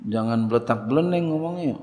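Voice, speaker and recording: A middle-aged man teaches a religious book lesson. His delivery is lively and theatrical, jumping sharply up in pitch to make a point. His voice sits at an ordinary middle pitch and trails off into a long hall reverb. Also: fast talker. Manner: animated, acts out quoted dialogue, big pitch leaps. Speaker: Islamic teacher.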